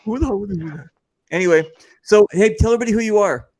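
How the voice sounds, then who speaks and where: A man's voice: high voice, fast talker, a little mellow, a little hiss or hum. An American man hosting a casual chat, joking, swearing freely and talking with lots of energy. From United States. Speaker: host.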